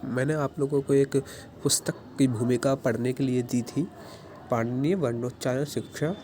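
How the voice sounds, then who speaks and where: A man's voice: medium pitch, fairly even intonation, normal speed, darkish tone, a little hiss or hum. A man teaching a Sanskrit pronunciation class, patiently explaining and sounding out each vowel and consonant aloud.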